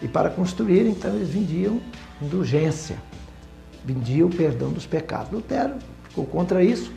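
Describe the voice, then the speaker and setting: A man with a Brazilian Portuguese accent giving a Bible study lesson, talking in an unhurried, hesitant way with fillers and restarts. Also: high voice, lively intonation, vocal fry, warm tone, faint music behind. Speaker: Bible teacher.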